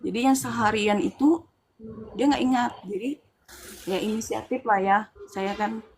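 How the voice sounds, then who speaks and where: A woman with an East Kalimantan accent, casually retelling a personal ghost story in animated detail. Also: on the high side, normal speed. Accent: Indonesian, East Kalimantan. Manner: chatty, animated retelling with quoted dialogue.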